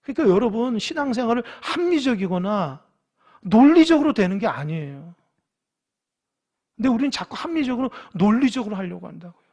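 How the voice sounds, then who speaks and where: Husky high-voiced man preaching to a congregation. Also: very animated, brisk, darkish tone. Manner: conversational preaching with questions to the congregation, voices biblical figures. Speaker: pastor. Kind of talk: sermon at a Wednesday church service. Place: church sanctuary.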